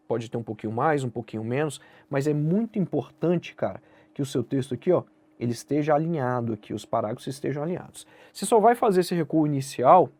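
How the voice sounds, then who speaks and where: Lively Brazilian man teaching exam rules. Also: on the high side, no echo. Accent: Brazilian Portuguese. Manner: direct, addresses viewer casually, asks and answers own questions. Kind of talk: online lesson explaining essay grading.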